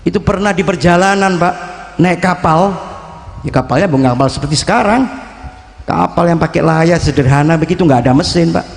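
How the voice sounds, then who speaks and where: Penceramah pria bersuara serak di aula bergema. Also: male voice, fairly quick, gravelly. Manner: folksy, addresses listeners as "Pak", dramatic swings in pitch. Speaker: preacher. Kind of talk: sermon. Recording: echoey hall with long reverb.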